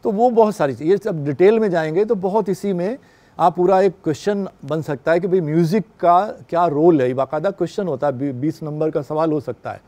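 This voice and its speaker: A man's voice: a little high, brisk, dark tone. A man teaching a class on radio production, explaining patiently and often checking that his listeners follow. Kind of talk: classroom lecture.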